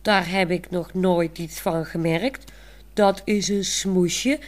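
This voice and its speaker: Woman reading as a self-assured young woman, talkative, matter-of-fact, lowish voice, storybook. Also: fairly even intonation, slow pace.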